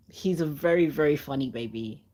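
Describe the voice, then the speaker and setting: A young woman hosting a casual livestream, chatty and laughing often, reading viewer comments aloud, with a cough sweet in her mouth and a sore throat. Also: sits low. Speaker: channel host.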